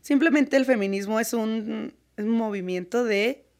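Young woman, Mexican accent, fairly high, earnest and lively guest in casual talk. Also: measured pace. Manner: earnest, animated, often laughs. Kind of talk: casual conversational interview.

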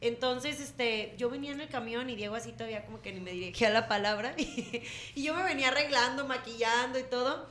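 A young woman with a Mexican Spanish accent tells a story in relaxed talk, laughing now and then. Her voice sits high and sounds bright and clear. A little faint noise hangs behind her. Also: quick pace. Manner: laughing, lively anecdote telling. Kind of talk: casual storytelling.

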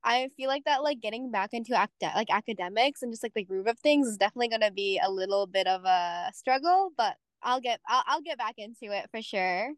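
A young woman chatting casually as a student podcast host, her voice a touch high. She fills her sentences with "like" and easy asides. The sound is dry and close, with no room around it. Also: fairly quick, few pauses, no echo. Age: young adult. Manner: chatty, heavy use of "like" fillers. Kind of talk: casual chat.

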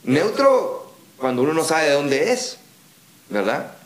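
A Guatemalan man with a Guatemalan Spanish accent, a podcast guest who tells stories in an animated way and acts out the emails and phone calls. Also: on the high side, takes it slowly, roomy sound. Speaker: guest, dubbing studio founder. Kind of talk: casual podcast conversation.

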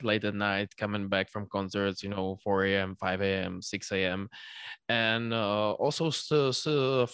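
A man with a smooth, clear voice acts as interviewer in a dry, close recording. His casual questions come out haltingly, with restarts as he searches for words. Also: mid-range voice, a bit bright, dry recording.

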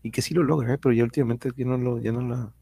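A man's voice: mid-range voice, steady tone, fast, vocal fry, mellow, slightly rough. A man hosting a casual livestream, repeating his welcomes and greetings as he chats. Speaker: host. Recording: faint background noise and ambience.

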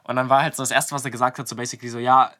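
Lässig erzählender junger Mann, helle Stimme. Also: male voice, medium pitch, rapid-fire. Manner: animated, slangy storytelling, acts out quotes loudly. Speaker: podcast co-host. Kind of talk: casual podcast chat, storytelling.

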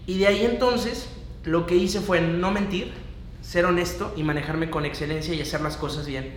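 A man's voice: a little high, normal speed, a little hiss or hum. A man in his twenties with a Mexican accent, a guest telling his story on a podcast in an eager, earnest way. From León, Mexico. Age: 20s. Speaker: podcast guest, young entrepreneur. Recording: roomy echoing room.

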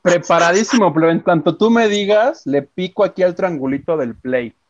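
A man's voice: sits high, moderate pace. A man co-hosting a live watch-along, laid-back and chuckling. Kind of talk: casual live chat. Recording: dull lo-fi sound.

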